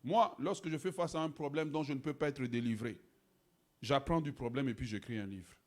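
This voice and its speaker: A man preaching a sermon to his church, moving between quiet, laughing asides and loud, shouted exhortation. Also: mid-range voice, fairly quick. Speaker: pastor. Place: church sanctuary.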